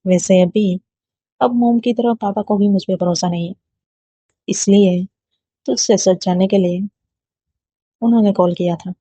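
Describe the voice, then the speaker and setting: Touchy proud college girl, read by a woman, defensive, husky dull-sounding read. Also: medium pitch, steady tone, dark tone, no room sound. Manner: defensive, quick to bristle. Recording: dull lo-fi dry recording.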